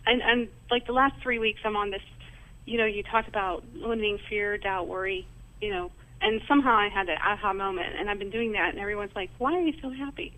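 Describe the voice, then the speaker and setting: A woman caller on a phone-in show, telling her story with lively quoted dialogue. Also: medium pitch, fairly quick. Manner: animated, acts out quoted dialogue. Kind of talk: phone-in question. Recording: phone line.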